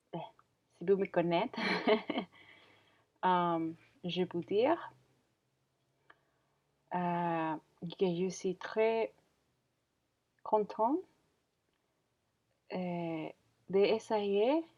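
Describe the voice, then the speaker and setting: Woman in her thirties, very slow hesitant teacher, muffled lo-fi sound. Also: mid-range voice. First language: Spanish. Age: 30s. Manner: hesitant, many fillers and self-corrections. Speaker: French teacher. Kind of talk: slow beginner language lesson. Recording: dull lo-fi audio.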